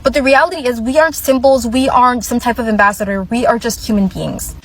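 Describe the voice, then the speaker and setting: A woman's voice: fairly high pitch, a bit bright, poor audio. A woman in her twenties from Minnesota, a pre-med student, making an earnest personal video statement. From Minnesota, United States. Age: 20s. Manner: earnest, measured.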